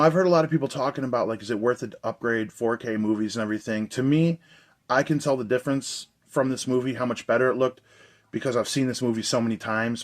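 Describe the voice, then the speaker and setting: Enthusiastic and casual, a young man reviews a movie release for his regular channel, rambling loosely as he goes. His medium-pitched voice is slightly hoarse.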